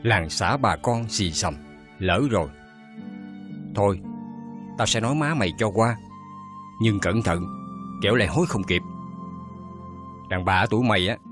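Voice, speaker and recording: A middle-aged actor with a Southern Vietnamese accent playing an uncle who counsels his niece calmly and firmly. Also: on the low side, music in the background, natural voice. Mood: stern calm. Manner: calm, measured counsel. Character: calm, stern village uncle.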